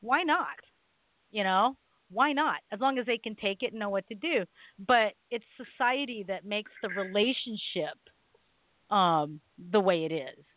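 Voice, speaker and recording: A woman's voice: mid-range voice, expressive, a little slow. A woman co-hosting a talk radio show and teaching martial arts, chatting casually in a rambling way, with many restarts and frequent laughs. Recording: tinny phone-line sound, dry.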